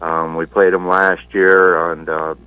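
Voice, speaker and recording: A man, a high school basketball coach, talking in a halting, plain-spoken way during a phone interview. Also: little pitch movement, clean tone, no echo. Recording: tinny dry phone line.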